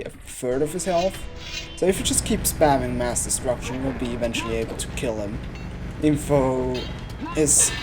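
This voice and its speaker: A let's play commentator talking through a game casually, wry and informal, often thinking aloud. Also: mid-range voice.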